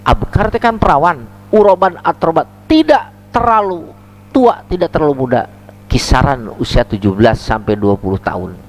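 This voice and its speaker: Male preacher, lively swooping pitch, fairly high voice, animated sermon. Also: moderate pace. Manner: animated storytelling, acts out the characters in the stories.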